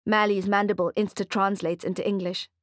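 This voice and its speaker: A woman reading a thriller audiobook in a measured, dramatic narration on a close studio mic. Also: medium pitch, little pitch movement, no room sound. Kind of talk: scripted narration.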